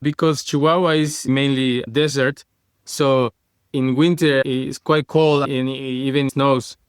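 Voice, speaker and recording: A man from Mexico co-hosts a podcast in a relaxed, friendly way. His voice is mid-pitched and clear, recorded close with a dry sound. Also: a little slow, no echo. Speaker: podcast co-host. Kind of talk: casual podcast chat.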